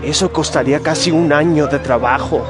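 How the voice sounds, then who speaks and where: A man plays an incredulous disciple in a scripture drama, earnest and questioning. The voice sits fairly high, with clear music behind it. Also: a little fast, natural voice.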